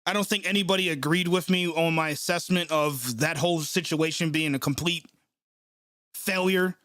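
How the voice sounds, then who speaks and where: On a live sports reaction stream, a young man congested from a cold reads chat and lets off steam, frustrated, sarcastic and swearing often. His voice sits on the high side with a bright, forceful tone at a moderate pace, and the recording is dry.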